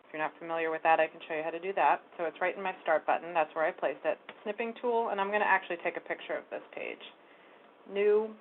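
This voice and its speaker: A woman giving a casual step-by-step software tutorial, talking through each click as she goes. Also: lowish voice, fast, a little hiss or hum. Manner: casual step-by-step explaining, talks while clicking. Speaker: real estate tech trainer. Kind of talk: screen-share software tutorial. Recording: phone-like narrow band audio.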